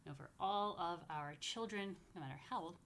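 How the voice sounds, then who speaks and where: Speaking briskly in a fairly low, slightly bright voice, a woman rabbi runs a relaxed story time for little kids in an apartment. Her religious talk is simple and repetitive, full of blessings and chatty, playful asides.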